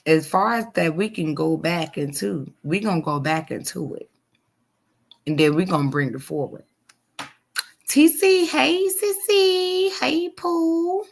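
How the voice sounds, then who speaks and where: Gravelly woman in her 40s, slow and emphatic, keeps repeating herself to her viewers on a live chat. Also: on the low side, animated, a little hiss or hum. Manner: emphatic and repetitive, addressing viewers directly. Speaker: livestream host. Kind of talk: casual live chat to supporters.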